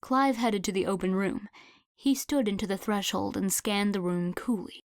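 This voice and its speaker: A woman's voice: mid-range voice, fairly even intonation, moderate pace, no room sound. Woman narrating an audiobook, dry sound. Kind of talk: scripted narration.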